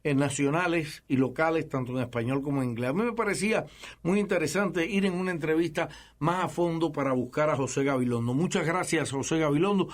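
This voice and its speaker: A man's voice: on the high side, fairly quick. A man in his forties hosting a radio interview, asking questions in a conversational, hesitant way. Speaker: radio host.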